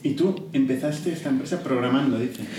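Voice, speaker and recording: A man's voice: mid-range voice, brisk, dark tone, reverberant. A man hosting a podcast interview, asking his guests questions in a conversational tone. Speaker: podcast host.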